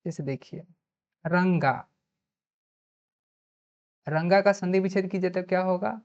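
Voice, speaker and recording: A woman's voice: on the low side, unhurried, a little mellow. A woman with a Bihari Hindi accent teaching an online grammar lesson. She spells words out letter by letter and asks questions, then answers them herself. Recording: dull lo-fi sound.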